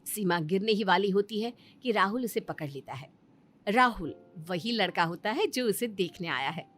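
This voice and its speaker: A woman narrating a children's story in an expressive, sing-song way. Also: mid-range voice.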